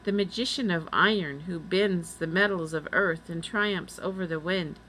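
A woman reading the part of a young girl in a storybook, eager and quick to act. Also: fairly low pitch, sharp tone, a little hiss or hum, rough recording.

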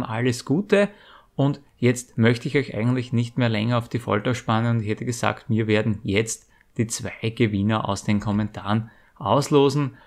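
Deep-voiced man, slightly gravelly. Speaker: YouTube channel host. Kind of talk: scripted giveaway announcement to viewers.

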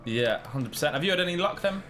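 A young British man with a fairly high, bright voice gives casual commentary on a game as host. Music plays behind him. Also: expressive, quick pace. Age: 20s. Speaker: gaming YouTube host. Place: small room at home.

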